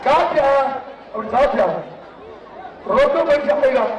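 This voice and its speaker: A man announcing a live bull-taming event through a megaphone, shouting repeated cheers, urging the riders on and counting aloud. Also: very high-pitched, measured pace, recorded from a distance, dull audio, noisy background. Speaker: bullfight announcer. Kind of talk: live event commentary over a PA. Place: outdoor arena. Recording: echoey loudspeaker audio from afar, loud crowd. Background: loud cheering crowd.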